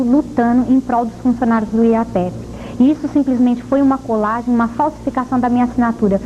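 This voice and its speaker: A woman answering a TV news interview as an association president, firm and assertive, heard from an old VHS tape. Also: fairly high pitch. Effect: old VHS tape recording. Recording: dull lo-fi old VHS tape with faint hiss.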